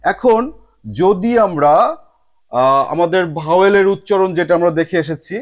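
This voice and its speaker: A man teaching a spoken lesson, mixing English phrases into his speech and drawing out each example word slowly. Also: high-pitched. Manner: slow drawn-out word demonstrations.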